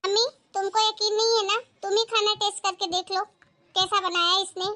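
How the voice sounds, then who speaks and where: A woman's voice: very high voice, fairly even intonation, brisk, pushed and bright. Woman playing a whiny spoiled daughter. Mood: tattling. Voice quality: whiny, tattling. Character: spoiled, scheming young married daughter. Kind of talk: Hindi family drama acting.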